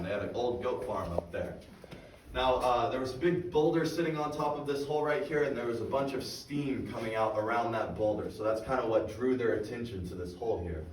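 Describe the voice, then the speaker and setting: A man's voice: mid-range voice, a little hiss or hum. A man working as a tour guide, narrating to a group in a projecting, folksy way, in an echoing cave. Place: inside a rocky cave, standing among a tour group. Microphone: phone camera held several metres away. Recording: echoey cave, far from the mic.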